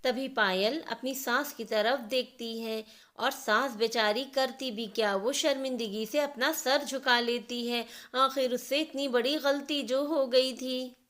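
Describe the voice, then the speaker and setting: A woman narrating a family story in an even storytelling manner. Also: high-pitched, unhurried.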